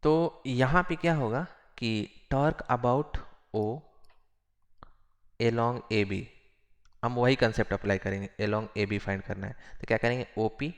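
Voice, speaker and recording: Slow-paced male physics teacher. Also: medium pitch. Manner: slow, repeats phrases, mixes Hindi and English. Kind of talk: classroom lecture.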